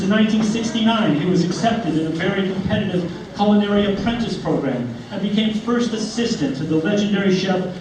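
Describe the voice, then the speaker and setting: Echoey high-voiced man giving a mock eulogy. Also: a little mellow. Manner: tongue-in-cheek, mock-solemn storytelling. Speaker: speaker giving a comic eulogy. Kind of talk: mock eulogy speech to a live gathering. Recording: echoey, noisy room, distant mic.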